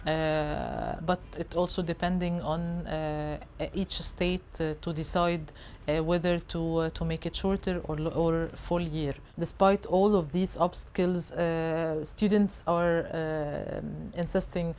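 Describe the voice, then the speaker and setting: A woman answers interview questions slowly and haltingly, pausing on filler sounds and restarting her phrases. Her voice sits on the low side. There is faint background noise. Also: darkish tone. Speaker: interviewed guest reporter.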